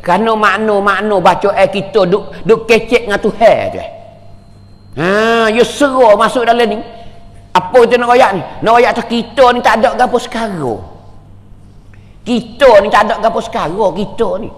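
Brief: man, preacher giving an emphatic, repetitive sermon, high-pitched, long hall reverb. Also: moderate pace. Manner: emphatic, repetitive, rhetorical questions. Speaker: religious teacher.

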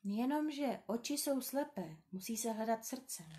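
A woman reading as a gentle little prince. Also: a little high, animated, close to an everyday voice. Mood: thoughtful.

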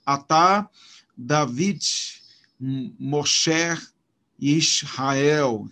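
A Hebrew lesson is recorded online by a man whose Brazilian Portuguese accent colors his speech; he indicates items on slides as he goes. His delivery is halting and full of restarts, and his voice is on the high side and a bit bright.

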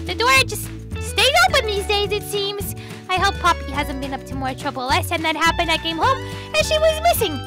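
A woman voicing a chatty young girl heroine in a game roleplay, rambling and animated. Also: extremely high pitch, fairly quick, over loud music. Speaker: channel host. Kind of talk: Minecraft roleplay voice acting.

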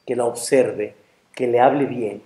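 A man voicing a calm, unbending male angel of death in a sermon story, speaking low and slow. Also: close to an everyday voice. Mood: solemn. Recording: roomy echo.

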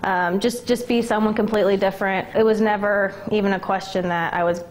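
A former college basketball player in her twenties speaks candidly and emotionally in an interview in an indoor gym locker room, saying "like" and "um" a lot. Her medium-pitched voice is steady and a little fast, with slight background noise.

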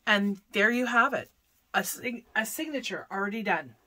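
This woman's voice sits at a medium pitch, expressive and sharp in tone, moving at a moderate pace. She hosts a papercraft tutorial, chatting through each step while she works and often correcting herself mid-sentence.

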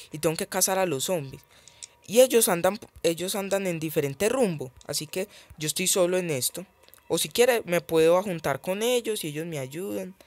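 A man's voice: high voice, no room sound. A man giving casual gameplay commentary as he plays a mobile game, chatty and thinking aloud, easily startled.

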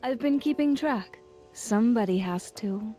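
A woman voicing a sly, imperious mystery informant in a cartoon game, arch and deliberate. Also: on the high side, animated, mellow, faint music behind. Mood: grave. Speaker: character in a puzzle video game.

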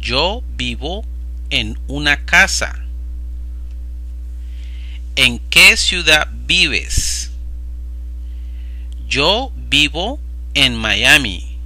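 In a low-quality recording, a man with a fairly high, very animated voice and a sharp tone narrates slides for a Spanish class. He works through a slow read-aloud drill, carefully pronouncing one practice phrase at a time.

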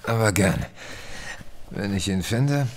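A man's voice: lowish voice, expressive, slow, slight background noise. A man playing a weary, wry demon hunter with a dry, laconic manner in a horror audio drama.

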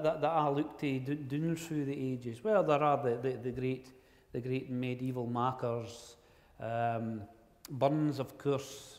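A man's voice: fairly high pitch, a little mellow. A middle-aged man from Ayrshire with a broad Scottish accent, speaking in Scots to a room from a lectern microphone as a poet. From Ayrshire, Scotland. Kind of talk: public talk in Scots on poetry, with recitation. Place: large wood-panelled hall, indoors. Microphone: handheld-type microphone on a stand at lectern. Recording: echoey hall, long reverb.

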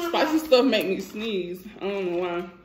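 A woman's voice: mid-range voice, background noise. A young woman hosting a casual mukbang vlog at home, chatting and rambling to her viewers as y'all into her phone. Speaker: vlogger. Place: home, indoors. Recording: echoey room.

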